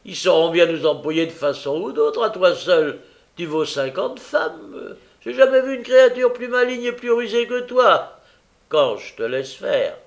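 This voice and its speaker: A man reading an audiobook, voicing a boastful, swaggering young man with brash, loud outbursts. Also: sits high, expressive, unhurried, voice pushed up. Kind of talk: audiobook character voice.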